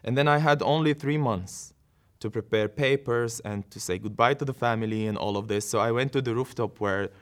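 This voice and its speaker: A man's voice: mid-range voice, a little fast. Earnest Syrian man telling his story. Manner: earnest, reflective, with short laughs and restarts. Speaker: interview guest, dancer. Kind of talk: personal storytelling in an interview.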